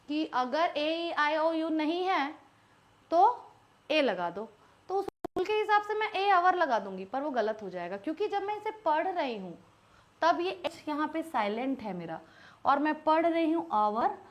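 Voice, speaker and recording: A woman's voice: sits high, animated, normal speed. A woman with an Indian accent teaching an online English class. She explains step by step and keeps quizzing her students.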